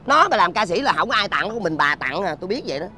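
A man's voice: high voice, fast, slight background noise, full character voice. A wailing, melodramatic father. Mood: quarrelsome. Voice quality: lively, wailing, exaggerated pleading. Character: bickering, melodramatic middle-aged father. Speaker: comic actor in a stage sketch. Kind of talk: comedy sketch dialogue.

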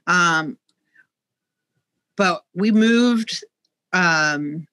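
Middle-aged woman museum guide, bright voice, lots of ums, dry webcam sound. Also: lowish voice, drawn-out words, clear, resonant tone, no echo. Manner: knowledgeable, hesitant with frequent ums. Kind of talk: video call interview. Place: museum exhibit room, indoors. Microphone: video call, webcam.

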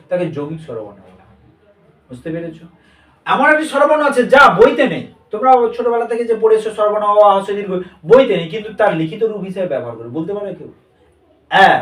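A male teacher giving a grammar lesson to a class. He drills the students with call-and-response questions and repeats their answers back. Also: high-pitched. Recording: echoey room, mic far off.

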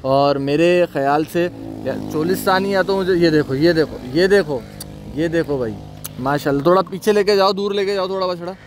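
A cattle market vlogger with a Karachi Urdu accent provides off-camera commentary while showing livestock in an outdoor cattle farm yard. He keeps saying "mashallah" and calls out orders to the handlers to walk a calf. His male voice is on the high side, his pace is moderate, and there's slight background noise.

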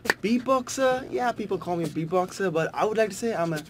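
A man's voice: high-pitched, quick pace. A man in his twenties, a beatboxer, explaining his craft in easygoing talk with frequent fillers and restarts. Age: 20s. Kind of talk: casual interview talk.

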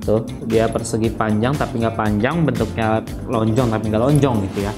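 A man's voice: fairly low pitch, steady tone, moderate pace. Chatty man reviewing a bag. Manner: chatty, slangy, thinks aloud with fillers. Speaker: product reviewer. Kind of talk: casual product review. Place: studio with dark curtain, seated at table. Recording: voice over clear guitar music. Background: background guitar music.

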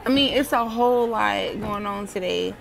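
A woman's voice: medium pitch, normal speed, vocal fry. A woman filming a casual vlog in a pet store on a handheld phone, giggling and cooing at the animals while she talks to her viewers. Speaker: vlogger.

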